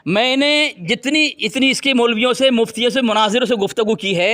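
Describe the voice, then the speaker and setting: A man's voice: extremely high pitch, brisk, sharp tone. A man in a heated religious debate, combative and taunting as he insults his opponent over a call.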